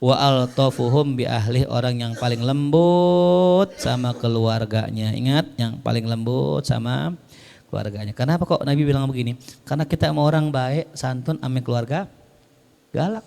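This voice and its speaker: A man gives a relaxed religious lecture. He reads Arabic lines and then explains them in slangy everyday speech, often with jokes. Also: mid-range voice, vocal fry. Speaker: Islamic preacher.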